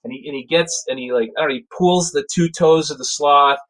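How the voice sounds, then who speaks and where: Guy telling a funny story off the cuff, rambly, lots of ums and restarts, animated. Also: a little high, fairly quick, rough recording. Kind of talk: casual spoken anecdote.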